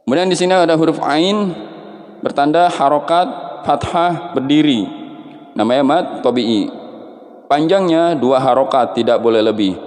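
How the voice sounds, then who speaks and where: A man teaching Quran recitation rules, explaining patiently and chanting drawn-out example verses. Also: fairly high pitch, a little mellow, big-room sound. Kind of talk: tajwid lesson with chanted recitation.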